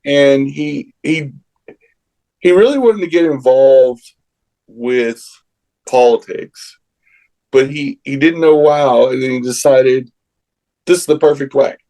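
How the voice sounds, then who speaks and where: A man with a gravelly voice hosting a casual chat show in a folksy, halting way. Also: medium pitch, mellow, poor audio. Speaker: show host.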